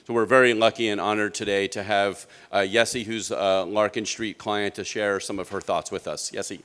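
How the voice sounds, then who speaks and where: A man's voice: on the low side, fairly even intonation, normal speed, background noise. A man acting as emcee at a press event, formally and graciously introducing the speakers.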